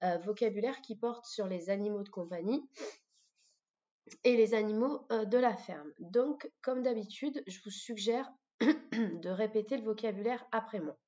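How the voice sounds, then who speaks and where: A woman's voice: mid-range voice, mellow. A woman teaching vocabulary, carefully modeling each word for students to repeat. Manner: slow, careful modeling of words for repetition. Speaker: English teacher. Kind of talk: vocabulary lesson with repetition drills. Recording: dull lo-fi recording.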